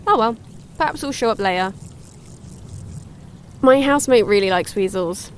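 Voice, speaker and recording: An actress playing a cheerful young woman hosting a woodland wildlife livestream, chatty and excitable. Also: medium pitch, moderate pace, slight background noise, lightly acted. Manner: chatty, excitable, gasps at sightings. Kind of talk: audio drama, chatty live-stream narration.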